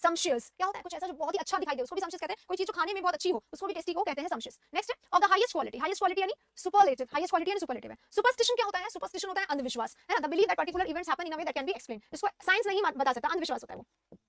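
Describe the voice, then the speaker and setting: A woman teaching vocabulary in Hindi. She reads definitions slowly and keeps asking and answering her own questions. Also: extremely high pitch, lively intonation, fairly bright tone, no echo, studio quality. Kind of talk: vocabulary lesson.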